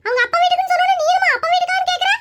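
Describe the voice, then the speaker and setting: A woman voicing a quick-tempered elderly mother-in-law in a cartoon skit, scolding and whiny. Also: heavy background noise. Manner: shrill, scolding and wailing.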